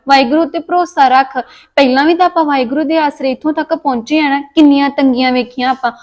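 A woman's voice: high-pitched, close to an everyday voice. A woman acting a caring elder sister in a Punjabi family drama, consoling her younger sister with a Punjabi accent. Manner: consoling, scolding gently, homely.

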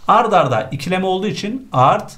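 A man's voice: sits high, lively intonation, fairly quick, a bit bright. A man teaching a spelling lesson for exam prep, quizzing a colleague and repeating each correct answer.

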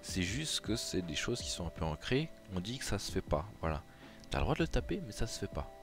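A man's voice: low voice, animated, brisk. A man from France explaining a mobile strategy game over a screen recording, chatty and hesitant, with many fillers and restarts. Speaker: gaming YouTuber. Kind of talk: casual game tutorial commentary. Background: background music.

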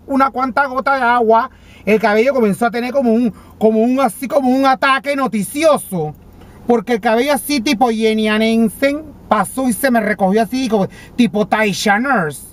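A comedy character vlogger with a Panamanian Spanish accent performs a monologue as a vain, dramatic female TV personality, complaining flamboyantly and stammering from inside a parked car. The mood is indignant, delivered in a medium-pitched, natural voice at normal speed.

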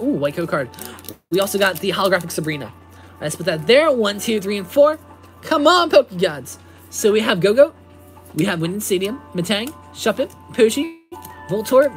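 Fast-talking young woman opening cards. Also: fairly high pitch. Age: 20s. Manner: upbeat, reads out card names and answers chat. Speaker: card-opening livestreamer. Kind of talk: live card-pack opening. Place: indoors at a table with a playmat.

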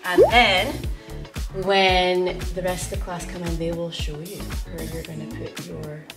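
A woman's voice: on the low side, flat delivery, measured pace, over music. A middle-aged woman with a Scottish accent, explaining things as a primary school teacher showing someone around a classroom. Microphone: handheld vlog camera a few feet away.

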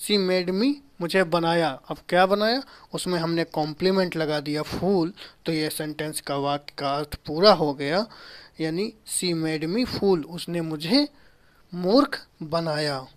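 A man in his thirties gives a whiteboard grammar lesson in a small indoor room, recorded by a camera a few feet away. He speaks at an unhurried, deliberate pace. He keeps repeating key terms and asking questions he then answers himself. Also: fairly high pitch. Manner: explains slowly, repeats key terms, asks rhetorical questions. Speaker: English grammar teacher.

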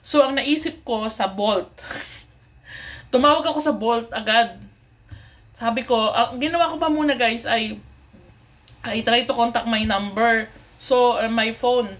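Filipina vlogger, bright-ish higher voice, rambling polite storyteller with lots of fillers. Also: female voice, slow, pauses often. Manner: chatty, mixes in English, many fillers and restarts; polite, addresses viewers often. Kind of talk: casual storytelling to viewers.

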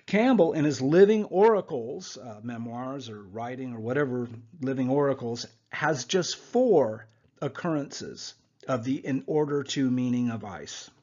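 A man's voice: mid-range voice, animated, measured pace, darkish tone. A man giving a conversational Bible lesson over slides, often checking in with "okay?" asides. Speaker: Bible teacher. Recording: muffled lo-fi voice recording.

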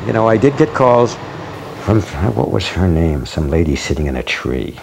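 A man's voice: low-pitched, sing-song, normal speed, creaky, background noise. A man, the landowner, giving a blunt, dismissive interview, chuckling at times.

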